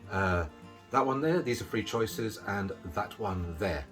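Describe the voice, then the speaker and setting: A man's voice: lowish voice, expressive, unhurried, fairly bright tone, faint music behind. A middle-aged man giving casual, chatty patter as a card magician, explaining as he handles the cards.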